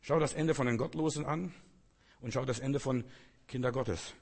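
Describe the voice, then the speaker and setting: Husky-voiced man preaching a sermon. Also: medium pitch, moderate pace, a little mellow. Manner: emphatic, repetitive, with rhetorical questions to the congregation.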